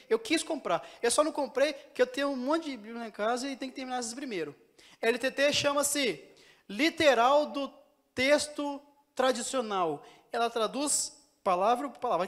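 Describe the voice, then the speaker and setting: Very high-pitched Brazilian man preaching. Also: a bit bright. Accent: Brazilian Portuguese. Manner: conversational, explains with examples and questions to the congregation. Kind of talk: teaching sermon. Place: church.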